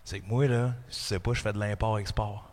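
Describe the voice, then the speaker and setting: A man with a Québécois French accent, a guest comedian spinning absurd stories deadpan in joking podcast banter. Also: on the low side, a little fast, big-room sound.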